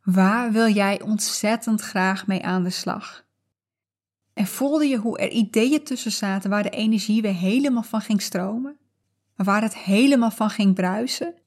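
A woman narrating a guided visualization in a calm, soothing, unhurried way. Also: mid-range voice. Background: background music.

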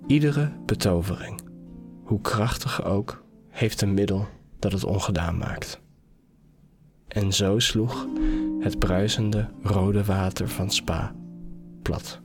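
Casting: man, scripted fairy-tale narration, very slow, faint music underneath. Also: lowish voice. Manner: unhurried storyteller, measured pauses. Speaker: podcast narrator. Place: podcast studio.

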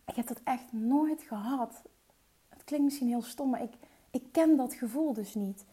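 Woman motivational coach, earnest and encouraging, warm mellow voice, English phrases in her speech. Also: fairly high pitch, unhurried, breathy edge. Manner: earnest and coaching, drops into soft whispers. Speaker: entrepreneur and mindset coach. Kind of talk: motivational talk.

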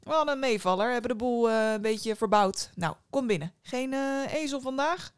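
A sly innkeeper agrees too quickly and stalls with little hesitations, eager to please while plotting, as a woman puts him on. The voice is pitched above her own and sounds nervously bright. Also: lively intonation, smooth, no room sound, studio quality, natural voice. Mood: fawning. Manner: hesitant, full of ums, overly agreeable. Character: shifty, fawning male innkeeper. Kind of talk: storybook voice acting.

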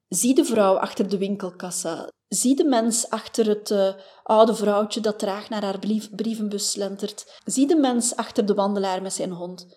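A woman's voice: medium pitch, mellow. A woman with a Flemish accent, a former family doctor, hosting a motivational podcast and telling stories in a chatty way that tags many sentences with a questioning "hè".

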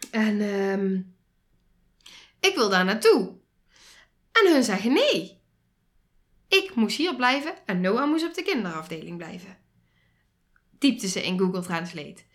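A woman's voice: medium pitch, a bit bright. A young woman hosting a podcast, telling a personal story with emotion, frequent restarts and bursts of laughter, still a little foggy from a concussion. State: recovering from a concussion, a bit foggy. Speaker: podcast host.

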